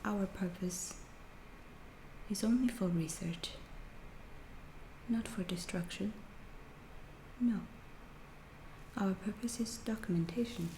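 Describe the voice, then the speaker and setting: A woman whispers much of her ASMR roleplay as an alien researcher, calm and curious, in a soft, breathy voice of medium pitch. She is slow and deliberate, pausing haltingly, and sounds clinical and detached. Echo from the room and faint background noise are audible.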